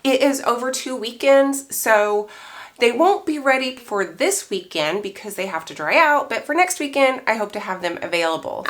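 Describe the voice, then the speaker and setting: A middle-aged woman with a hoarse, mid-range voice talks through a craft recipe at home in a casual how-to chat. She's chatty and relaxed, thinking aloud as she works.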